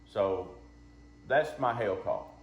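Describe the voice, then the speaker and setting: Speaking slowly in a lowish voice, a man teaches duck calling in a relaxed, hands-on session, keeping his talk folksy and plain. The audio sounds muffled and roomy, with noise in the background.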